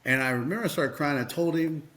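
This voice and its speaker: A man's voice: on the high side, fast talker, fairly bright tone. A man, a podcast guest and coach, tells a personal story earnestly, with lots of fillers and restarts.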